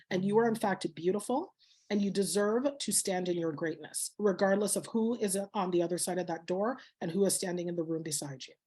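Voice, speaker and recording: A woman's voice: medium pitch, darkish tone, slightly rough. A woman guest speaker from Canada, talking passionately and telling stories in an interview. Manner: passionate, storytelling, motivational. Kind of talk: interview conversation.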